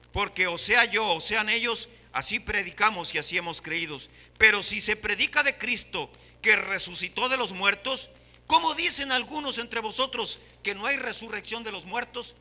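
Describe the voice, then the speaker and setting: A male pastor with a Mexican Spanish accent delivers a fervent sermon in a high, very bright and piercing voice. His words ring out with a long reverb from the church hall around him. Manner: impassioned preaching, rising to shouts.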